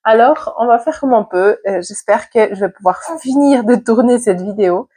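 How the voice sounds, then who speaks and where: Stuffy with a head cold, a woman who is a vlogger and mother tells a personal story to camera at home, chatty and candid with many hesitation fillers. Her voice is a little high, dark, and slightly rough, at normal speed, captured by an external mic plugged into a camera.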